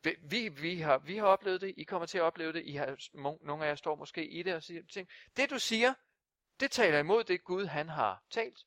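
Male preacher, impassioned sermon, emphatic and repetitive, bright tense voice, dry close sound. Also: a little high, no echo.

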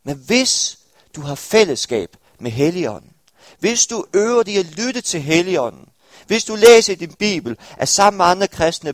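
A man's voice: on the high side, no echo. A young man from the area of Denmark, preaching a sermon to a congregation and often turning to his listeners with questions. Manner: earnest, addresses listeners with questions. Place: church hall with congregation.

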